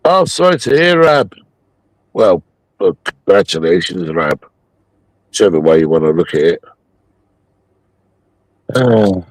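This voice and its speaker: A man's voice: low-pitched, expressive, a little slow, pauses often, no room sound, low-quality recording. A Scottish man chatting casually and jokily in late-night banter, swearing freely and repeating himself.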